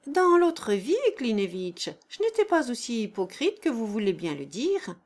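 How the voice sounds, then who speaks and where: A woman reading aloud and voicing a brash, mocking dead man who speaks loudly and taunts the others. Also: on the high side, sing-song, unhurried. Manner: loud, taunting, boastful.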